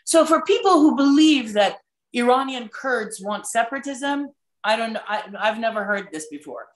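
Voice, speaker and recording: Woman, from Iran, high voice, emphatic, passionate, interrupting, panel guest on a call. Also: animated, moderate pace. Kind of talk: panel discussion.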